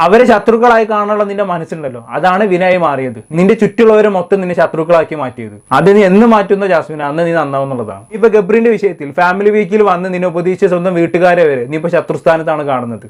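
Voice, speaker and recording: A man's voice: high-pitched, animated, quick pace, few pauses. A man hosting a casual episode review, talking in a sarcastic, scolding way. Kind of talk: fast casual review commentary.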